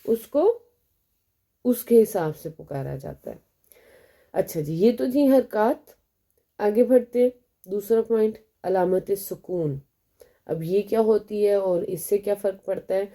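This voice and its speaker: A woman with a Pakistani Urdu accent gives a beginner language lesson, asking questions and then answering them herself. Her voice has a very sharp, tense edge at an ordinary pitch. She slows down to sound out each letter. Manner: explains step by step, asks and answers own questions. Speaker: Arabic teacher.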